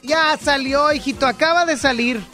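High-voiced Mexican radio host. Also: male voice, moderate pace, pushed and bright. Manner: playful, teasing, jokey. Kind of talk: casual radio call-in chat. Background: music playing.

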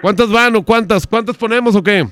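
A man with a Mexican accent hosts a radio prank call, needling and mocking his target. His voice sits high and sounds bright and forceful. It is recorded dry and close in a studio. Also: a little fast, no echo, soft background music.

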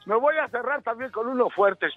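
A man's voice: very high voice, a little fast, narrow, tinny audio, loud music behind the voice. A Mexican man comedian firing off crude one-liners in a stand-up joke battle on a radio broadcast.

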